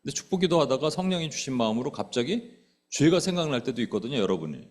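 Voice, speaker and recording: Man preaching with lively, animated pitch. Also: quick pace. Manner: conversational, asks the congregation questions; acts out quoted speech with sudden loud outbursts. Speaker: pastor. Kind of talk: sermon. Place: church sanctuary.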